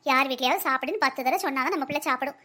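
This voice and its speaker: A woman's voice: high voice, racing, sharp tone. A woman voicing a fussy older wife and grandmother in a family cartoon, pleading and ordering her husband around in a South Tamil Nadu accent. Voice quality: pleading, busy, bossy. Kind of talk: cartoon family comedy acting.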